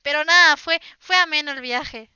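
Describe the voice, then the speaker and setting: A woman with a Spanish accent from Spain reacts to clips in a high, bright voice, exclaiming and laughing along. The recording is dry and a little dull, with no room sound. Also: a little fast, dry recording. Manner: animated, laughs often, exclaims. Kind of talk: casual reaction commentary.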